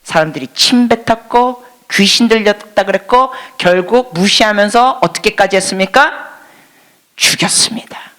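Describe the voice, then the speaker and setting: A woman's voice: medium pitch, moderate pace, a bit bright. A woman missionary preaching a sermon in church, quizzing the congregation and dropping to a whisper for emphasis. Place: church service before a congregation.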